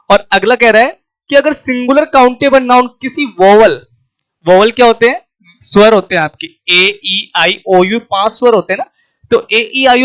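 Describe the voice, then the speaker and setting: A man's voice: high-pitched, fairly bright tone, no room sound, rough recording. A man with an Indian accent teaching a grammar lesson, asking himself questions and answering them, repeating key points and spelling words out letter by letter. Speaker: English teacher. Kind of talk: classroom-style grammar lesson.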